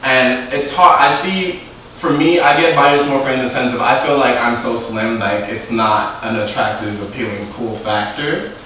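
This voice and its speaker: A man's voice: mid-range voice, normal speed. Laughing young man hosting, echoey room. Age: 20s. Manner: laughs often, animated, chatty. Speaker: host. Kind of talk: casual panel chat. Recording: echoey room, far from mic, faint noise.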